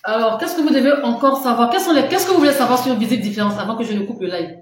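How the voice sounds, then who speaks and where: A chatty woman selling on a live stream laughs often and responds to viewers' comments in a casual way, despite a runny nose. Her voice is a little high and fast, recorded in a very echoey room with faint noise.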